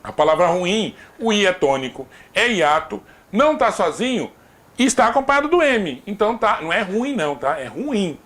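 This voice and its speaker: A Brazilian man with a fairly high, very animated voice teaches a grammar class. He keeps checking in with short tag questions and slips in playful asides. His delivery swings up and down as he stresses each example. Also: brisk. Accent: Brazilian Portuguese. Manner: lively, repeats "tá?" to check understanding, jokes aside. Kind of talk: recorded exam-prep grammar lesson.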